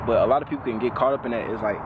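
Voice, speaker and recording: A man of twenty talking casually and reflectively as a vlogger, relaxed and full of fillers. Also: mid-range voice, racing, narrow, tinny audio, noisy background. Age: 20s. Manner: relaxed, conversational, lots of "like" fillers.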